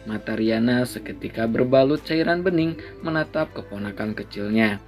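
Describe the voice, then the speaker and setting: A man narrating a romance novel chapter in a steady, measured reading. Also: medium pitch, faint music behind. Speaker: story narrator. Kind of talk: storybook narration.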